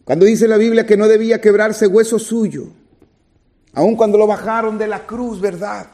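A man with a high voice delivers a Spanish sermon as a pastor. He talks straight to his congregation, swings between loud fervent passages and low quiet ones, and acts out little scenes along the way. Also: moderate pace. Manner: animated preaching, acts out little scenes, addresses congregation directly.

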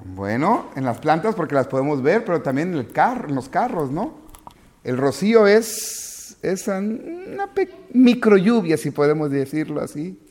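A man's voice: a little high, very animated, unhurried, darkish tone. A man teaching a Bible class to children, asking patient questions and calling on pupils by name. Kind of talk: interactive Bible lesson with children.

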